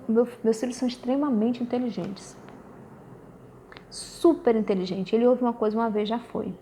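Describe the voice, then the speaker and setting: A Brazilian woman, a mother, telling her listeners an animated story about her children and often calling them "gente". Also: fairly high pitch, a little hiss or hum. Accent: Brazilian Portuguese. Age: adult. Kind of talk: casual spoken testimony.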